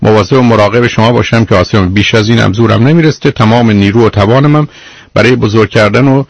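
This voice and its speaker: A man hosts a radio call-in counseling show in a firm, lecturing manner. His voice is husky and a little rough around the edges. The studio sound is dry and close, with no room echo. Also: fairly low pitch. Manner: blunt, lecturing, interrupts the caller. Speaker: radio call-in advice host.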